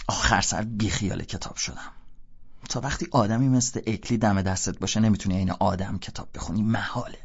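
A man with a gravelly, fairly low voice narrates a novel in the first person. He keeps the telling casual and slangy, like a bored youth talking. The recording is dull and lo-fi. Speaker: audiobook narrator.

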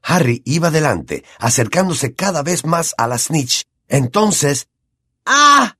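A man with a Latin American Spanish accent reads an audiobook with lively, swinging intonation at a middle pitch. His voice is husky, and the recording is close and dry. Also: a little slow, no echo. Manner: expressive, animated reading. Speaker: audiobook narrator. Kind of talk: audiobook narration.

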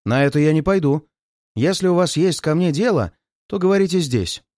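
A man doing an arrogant, hot-tempered gentleman. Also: fairly high pitch, lively intonation, brisk, no echo, clean studio sound, lightly acted. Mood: indignant. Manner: haughty, snapping, indignant.

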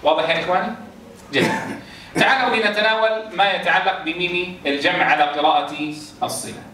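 High, bright-voiced man teaching in an echoey room. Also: steady tone, fast talker, a little hiss or hum. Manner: quizzes students, chants verse examples. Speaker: Quran teacher. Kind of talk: recitation rules lesson to a class. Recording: roomy echo, distant mic.

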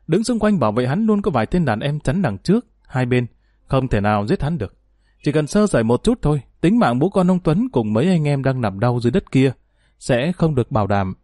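A man reading a gangster story aloud in a steady dramatic narration. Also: mid-range voice, no echo, studio quality.

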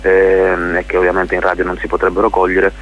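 On a muffled radio interview marred by hum and hiss, a playwright talks reflectively in a low voice with a completely flat delivery. He is halting and often hunts for the right words.

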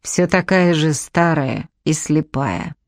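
Audiobook: woman doing a surly blind old woman, low, slow, scornful growl. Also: expressive, no echo, clean studio sound, exaggerated voice. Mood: grumbling. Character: blind, ill-tempered old woman teacher. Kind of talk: audiobook character reading.

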